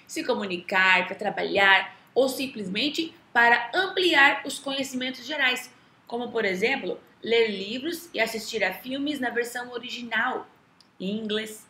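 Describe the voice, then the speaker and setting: A woman's voice: mid-range voice, bright, forceful tone. A Brazilian woman, an English teacher, talking casually to the camera in a chatty way with a Brazilian Portuguese accent, often tagging her sentences with a questioning aside. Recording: roomy echo.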